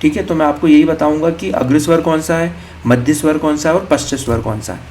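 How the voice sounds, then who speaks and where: A young man with a slightly high voice teaches an exam-prep lesson patiently. He moves step by step, checking in often and asking questions before he answers them himself. When he demonstrates a vowel, he stretches the sound out slowly. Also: steady tone, a little mellow, slight background noise. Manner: explains step by step, checking in with "ठीक है" and "okay".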